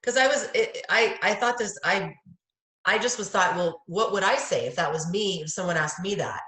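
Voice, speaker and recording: A woman's voice: on the low side, animated, normal speed, bright, forceful tone, echoey room. A woman student in a class asking questions hesitantly, stumbling as she searches for words.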